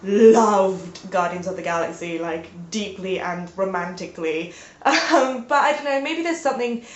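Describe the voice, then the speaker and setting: In a muffled, echoey home recording, a young woman with a mid-range voice rambles casually at normal speed for her vlog. She sounds congested from a sinus infection and keeps saying "like" between playful exclamations.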